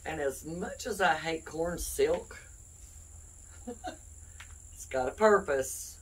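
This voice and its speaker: In her home kitchen, a woman hosts a homestead cooking video as a casual demonstration, chatty and playful, joking and laughing while explaining the steps. Her voice sits low and is husky and animated, though she talks extremely slowly. The audio is poor.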